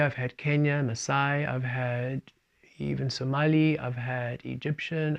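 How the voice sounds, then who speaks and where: A man giving a spiritual talk, speaking of himself as "we" and shifting between playful and calm. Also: a little high, creaky. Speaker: spiritual teacher. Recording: dull lo-fi recording.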